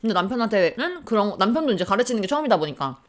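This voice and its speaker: A woman's voice: mid-range voice, very animated, racing. A young woman telling a story in a casual chat, acting out the quoted lines as she goes. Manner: sips a drink while chatting. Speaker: vlogger.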